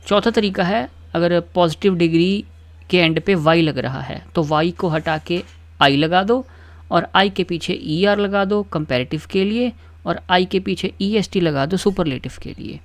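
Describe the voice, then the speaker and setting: A patient teacher, explaining grammar at a mid-range pitch. The teacher recites word lists in a steady rhythm and pauses often to check that the listener is following. The recording is dry, with no room sound. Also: no room sound. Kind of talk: grammar lesson.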